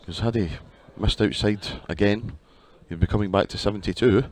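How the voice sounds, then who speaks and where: Low-voiced male darts commentator. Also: normal speed, a little mellow. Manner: wry, chatty asides. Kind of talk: live sports commentary. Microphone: headset at commentary position.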